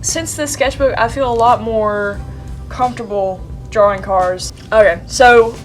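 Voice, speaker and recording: In this casual vlog, a sniffly, congested woman in her twenties shows her sketchbook and jokes around in plenty of slang. She sounds a little high and keeps a measured pace, with soft music playing behind her.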